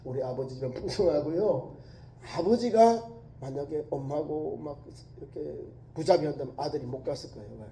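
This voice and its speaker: A male pastor preaching a sermon, telling a story with emphasis and dropping from loud to hushed. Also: fairly high pitch, brisk, a little hiss or hum. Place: church sanctuary. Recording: echoey church hall.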